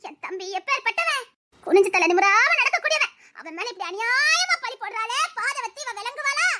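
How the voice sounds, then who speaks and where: A woman's voice: extremely high pitch, expressive, fairly quick, bright, forceful tone, full character voice. A woman voicing a spiteful, scheming sister-in-law in a cartoon, accusing and scornful.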